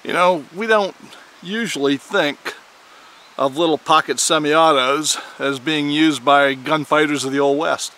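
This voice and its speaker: A man hosting a firearms video, telling an old frontier tale in a folksy, animated way. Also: a little high, a little slow. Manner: animated storyteller, with dramatic shouted quotes. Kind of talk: folksy historical storytelling.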